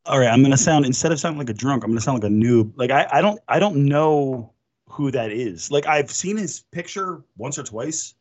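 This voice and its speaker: A man's voice: mid-range voice, animated, a little fast, darkish tone, dull audio. A man chatting casually on a group call, joking and laughing often, from the American North. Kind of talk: casual chat.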